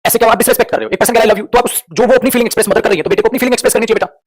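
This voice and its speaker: Man, English grammar teacher, online lesson, rapid delivery, husky voice, affectionate, coaxing. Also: extremely high pitch, steady tone. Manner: affectionate, coaxing, addresses students as children.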